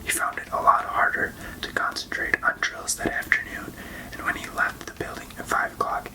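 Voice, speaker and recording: Casting: reader for whispered role-play, fully unvoiced library whisper, hushed and unhurried storybook narration. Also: low-quality recording.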